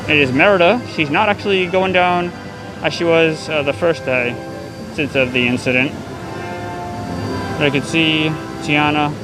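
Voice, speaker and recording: A man with a slightly high voice narrates a casual walk-around vlog as a theme park visitor. Music plays clearly behind him. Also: fairly even intonation, unhurried, pauses often, rough recording. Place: theme park, rides and queues. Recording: music playing clearly in background.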